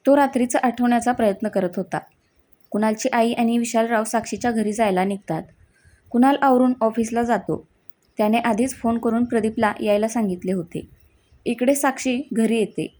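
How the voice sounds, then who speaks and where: Mellow woman narrating a story. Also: on the high side, normal speed.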